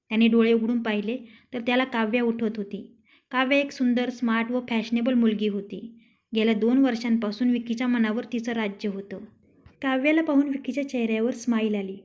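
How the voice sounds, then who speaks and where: Woman, storyteller, storybook narration, even telling, high voice. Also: a little fast. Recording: dull lo-fi recording.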